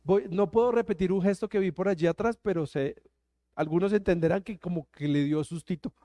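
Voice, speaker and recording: High-voiced preacher man. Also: a little fast, warm tone. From Colombia. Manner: colloquial, joking, addresses congregation directly. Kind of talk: sermon. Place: church.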